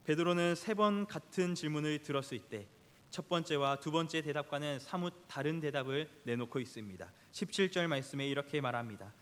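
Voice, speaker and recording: Korean preacher with a highish voice in a reverberant church. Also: male voice, clean tone. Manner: earnest, measured, reading scripture aloud with the congregation. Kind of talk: sermon. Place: church sanctuary.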